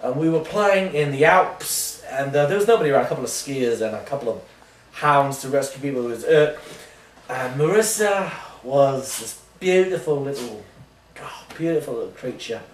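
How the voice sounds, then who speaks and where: A man playing an oblivious washed-up rock singer in a mock interview, rambling deadpan through absurd tangents. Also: mid-range voice, normal speed, a little hiss or hum, natural voice. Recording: roomy sound from a distant mic.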